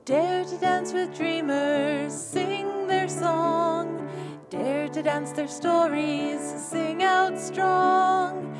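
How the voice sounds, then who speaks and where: Young woman singing hymns really high and slow, loud piano behind. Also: fairly even intonation. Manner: slow, sustained sung phrases. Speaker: church musician. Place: church sanctuary at a piano. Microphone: stand mic.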